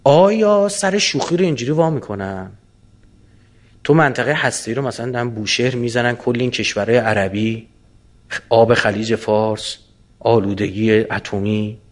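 A man answering audience questions in a colloquial lecture, animated and full of rhetorical questions. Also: medium pitch.

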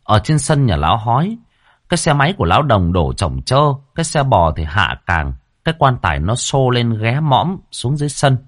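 Brief: male storyteller, husky voice, lively pitch. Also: moderate pace, no echo, studio quality. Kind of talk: comic ghost story narration.

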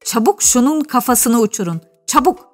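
A woman's voice: mid-range voice, normal speed, fairly bright tone, soft background music, lightly acted. A woman reading a storybook aloud and voicing a furious, imperious queen who barks harsh commands. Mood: imperious, shouting.

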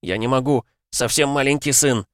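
A man voicing a terrified middle-aged policeman who sobs and begs in a high, strained voice. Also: flat delivery, fast talker, clear, resonant tone, dry recording, studio quality, lightly acted. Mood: pleading. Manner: sobbing, begging, high and strained.

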